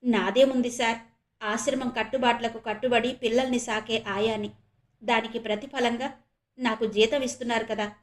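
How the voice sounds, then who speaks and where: A woman narrator plays a caretaker mother in a storybook audio novel, and the character comes across as soft-spoken and humble. Tender and gentle, her voice sits a little high; she speaks modestly and devotedly at normal speed, with fairly level intonation and a natural tone.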